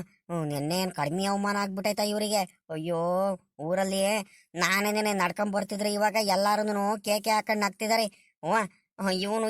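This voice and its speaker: A woman's voice: mid-range voice, a bit bright, no room sound, studio quality, lightly acted. A woman voicing an anxious, fawning male servant, who frets, pleads and whines. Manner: fretful, pleading, whiny.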